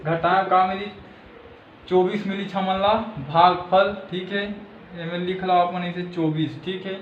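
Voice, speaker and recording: A man with a Chhattisgarhi accent explains a maths exercise patiently, checking in after nearly every step. His voice sits fairly high. The room is echoey and the sound is a little dull, with faint hiss. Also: level tone, measured pace. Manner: repeats "thik hai" as a check-in, addresses viewers as friends. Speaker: maths teacher. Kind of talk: step-by-step classroom lesson.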